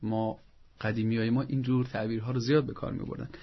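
A man giving calm, instructive advice on a talk show, laying out steps one by one with everyday examples. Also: mid-range voice, highs cut off. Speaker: family advice expert.

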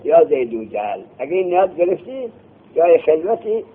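A man teaching a grammar class, quizzing his students with quick questions, answering them himself and scolding them to put things away and listen. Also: fairly high pitch, very animated, breathy edge. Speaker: seminary teacher. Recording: tinny phone-like lo-fi recording.

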